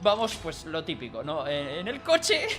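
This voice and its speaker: A streamer, casually recounting a dream in an animated, rambling way with quiet asides. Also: mid-range voice, moderate pace, faint music behind.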